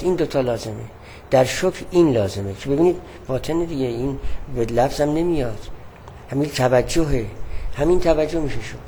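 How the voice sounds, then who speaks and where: A man teaching a religious lesson, explaining at a measured pace and repeating his key points. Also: medium pitch, dark tone, slight background noise.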